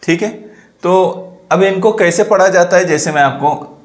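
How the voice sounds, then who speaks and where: A man's voice: sits high, normal speed. A man teaching a grammar lesson, who asks his students questions, answers them himself and repeats the key points. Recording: echoey room.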